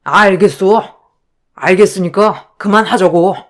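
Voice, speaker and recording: A performer voicing a tired husband who tries to calm his wife down in a placating way. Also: mid-range voice, measured pace, lightly acted. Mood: weary. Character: weary young husband caught in the middle.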